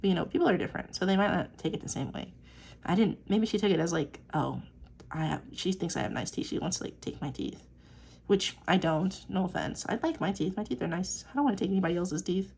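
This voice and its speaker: This artist vlogger talks fast in a lowish, expressive voice that is gravelly but a touch mellow, with slight background noise behind her. She's a young woman inking a drawing, rambling through tangents in a chatty way, dropping the occasional swear and filling pauses with "like" and "um."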